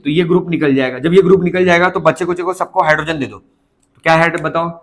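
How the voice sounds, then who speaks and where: A man's voice: a little high, steady tone, fast. A man teaching a chemistry lesson, constantly checking whether his students understood. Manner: coaxing, keeps asking students if they understood. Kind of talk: classroom lecture.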